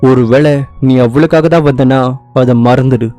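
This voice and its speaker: A man's voice: mid-range voice, moderate pace, warm tone, faint music behind, pitched below the performer's own voice, lightly acted. A man voicing a ruthless young male villain prince in a drama recap, cold, curt and threatening. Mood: menacing.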